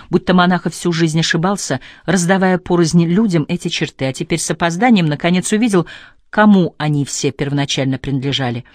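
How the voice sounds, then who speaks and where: Woman audiobook narrator, measured literary reading, dry close sound. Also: fairly low pitch, a little mellow, no echo. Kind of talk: scripted narration.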